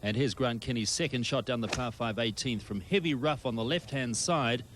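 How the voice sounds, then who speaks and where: A man's voice: mid-range voice, normal speed. A man giving live golf commentary as a tournament broadcaster. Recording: clear crowd and outdoor noise. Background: golf tournament crowd.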